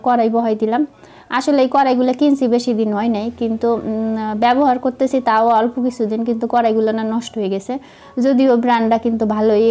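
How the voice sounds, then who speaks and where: A young woman with a Madaripur Bengali accent, chatting to viewers while she cooks, slightly hoarse from a cold and making fun of herself. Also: a little high, mellow. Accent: Madaripur Bengali dialect. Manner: chatty, self-mocking, talks to viewers while cooking. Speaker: vlogger. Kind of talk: casual cooking vlog narration.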